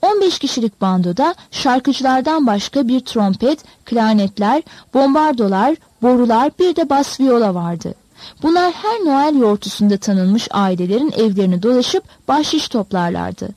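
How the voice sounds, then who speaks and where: Mellow-voiced woman narrating a novel. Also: a little high, dry recording. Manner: measured, expressive storytelling. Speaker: audiobook narrator.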